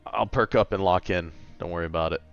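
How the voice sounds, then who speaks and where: A man's voice: low-pitched, quick pace, creaky, smooth, dry recording, lo-fi sound, soft background music. A man in his late twenties chatting casually on a gaming livestream, laid-back and a bit tired, rambling as he answers chat. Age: late 20s.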